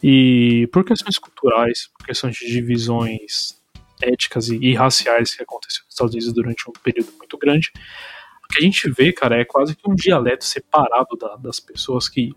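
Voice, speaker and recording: A man's voice: medium pitch, normal speed, breathy edge, faint music behind. A man with a Brazilian accent hosting a casual podcast chat, talking in a loose, slangy way. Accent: Brazilian Portuguese. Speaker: podcast host.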